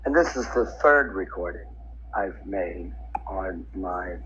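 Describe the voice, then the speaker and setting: A man with a very low voice speaks slowly and haltingly, as if logging times on a dictaphone. He repeats himself and counts aloud. The recording is muffled, with some noise behind him. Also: expressive, bright, forceful tone. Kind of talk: spoken dictaphone log, announcing dates and times. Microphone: tablet voice recorder. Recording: dull, noisy handheld voice-recorder sound.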